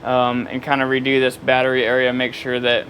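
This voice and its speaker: A man's voice: mid-range voice, completely flat delivery, brisk, fairly bright tone, slight background noise. A tired man vlogging outdoors beside his truck, rambling easily with lots of fillers. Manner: rambling, easygoing, with many fillers and laughs. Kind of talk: casual off-the-cuff vlog talk.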